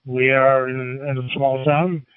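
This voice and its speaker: A man from the United States speaking as an amateur radio operator over two-way radio, making unhurried procedural calls and spelling in phonetic alphabet. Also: mid-range voice, little pitch movement, smooth, no echo. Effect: two-way radio, walkie-talkie sound. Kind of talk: ham radio contact, unhurried procedural call. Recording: narrow phone-like radio audio, distant.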